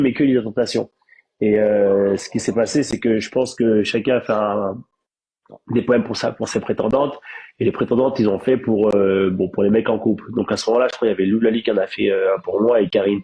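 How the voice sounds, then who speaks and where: A man's voice: fairly low pitch, dark tone, breathy edge. A young man with a congested, blocked-nose voice, chatting casually on a live stream and explaining himself emphatically with repeated rhetorical questions. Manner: repetitive, emphatic self-justification with rhetorical questions. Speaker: live-stream host, reality show participant.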